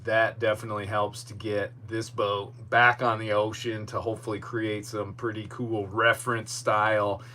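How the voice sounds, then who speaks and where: A man with a fairly low voice chats loosely as a solo podcast host. He rambles and pokes fun at himself, speaking from outdoors in a yard with slight background noise and hum. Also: level tone, moderate pace, hardly any pauses, pushed and bright. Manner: rambling, self-deprecating. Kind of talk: casual live-streamed solo podcast chat. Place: outdoors in a boatyard. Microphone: podcast microphone.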